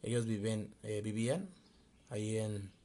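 A young man with a Mexico City accent, telling a personal story in a casual, slangy, animated way with bits of laughter. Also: on the low side, unhurried. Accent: Mexico City Spanish. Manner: slangy, laughing, animated retelling with quoted voices. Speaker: vlogger.

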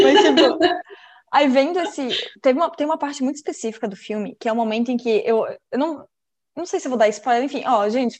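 A woman co-hosting a podcast, chatting casually and acting out film scenes as she tells them. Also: a little high. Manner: animated storyteller, acts out film scenes in voices; upbeat, self-described positive person. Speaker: podcast co-host.

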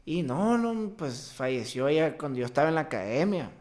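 A young man from Mexico, his voice sitting a little high for a man, talks through a personal memory in a halting, emotional way, breaking off and starting over. He sounds like a podcast guest sharing his story in a casual interview. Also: sing-song, darkish tone. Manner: emotional, halting retelling with many restarts. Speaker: guest, baseball player.

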